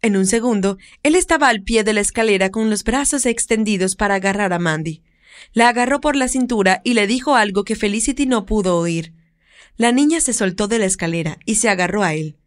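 A woman narrating an audiobook romance in an expressive storytelling read. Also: mid-range voice, brisk. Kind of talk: scripted narration.

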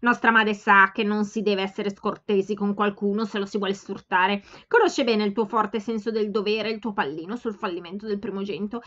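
A woman's voice: medium pitch, steady tone, brisk, few pauses, fairly bright tone, natural voice. A woman reading aloud and voicing a blunt, outspoken young woman who insistently scolds her older sister, in a slightly dull home recording.

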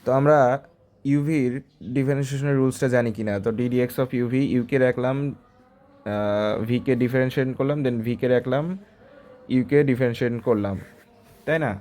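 A man's voice: medium pitch, steady tone, normal speed, long pauses, darkish tone. A male math tutor walking through exam problems step by step, talking in a conversational way and often asking the student short checking questions.

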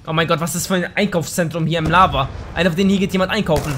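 Young male let's-player, high voice, quick to rant and swear at the game, faint music underneath. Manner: excitable, swearing, often annoyed; slangy, says "Alter" a lot. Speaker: let's play gamer. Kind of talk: live gameplay commentary. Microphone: gaming microphone.

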